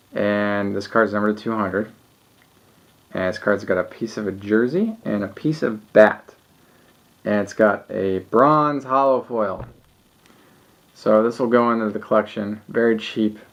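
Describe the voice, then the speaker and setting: A man showing his baseball cards in a relaxed, rambling video, tired late at night with lots of ums. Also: on the low side, a little slow, long pauses. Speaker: sports card collector showing his cards. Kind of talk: casual solo video. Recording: dull lo-fi home recording.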